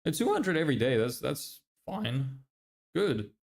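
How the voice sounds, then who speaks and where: A man's voice: fairly high pitch, very animated, unhurried, vocal fry. A man hosting a casual live stream, reading viewer questions aloud and answering them loosely.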